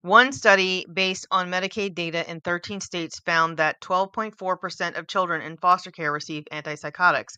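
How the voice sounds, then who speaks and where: A woman's voice: on the low side, fairly even intonation, normal speed, hardly any pauses, pushed and bright, smooth, no echo. A woman hosting a book club, reading a book aloud with casual commentary, stumbling over words and adding dry sarcastic asides.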